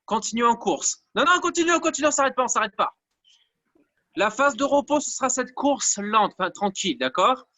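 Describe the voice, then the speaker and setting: A man's voice: very high voice, lively intonation, normal speed, bright, forceful tone. A man coaching a live online workout class, counting down reps and cheering people on. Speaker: fitness coach.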